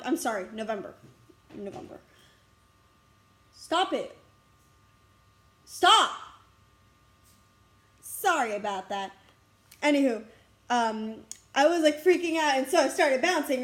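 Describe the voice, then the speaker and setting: A young woman in a casual vlog, rambling excitedly and breathlessly about her school day, recorded outdoors on a school campus. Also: high-pitched, moderate pace, long pauses. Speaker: vlogger.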